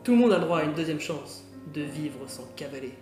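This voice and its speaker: An actor playing a solemn male spirit who judges souls in purgatory, speaking in measured tones. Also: on the high side, expressive, a little mellow, echoey room, faint music behind, close to an everyday voice.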